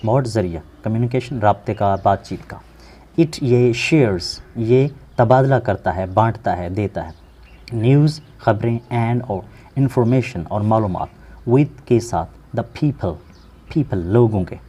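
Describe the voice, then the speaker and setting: A man teaching an English lesson, slowly translating word by word and repeating each meaning with synonyms. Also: on the low side, expressive, warm tone. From Pakistan. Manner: slow, explanatory, repeats words and gives synonyms.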